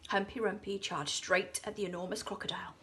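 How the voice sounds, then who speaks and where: An English woman, an infant school teacher, reading a children's story aloud, dropping into hushed whispers for suspense. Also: medium pitch, fairly even intonation, fairly quick, slight background noise.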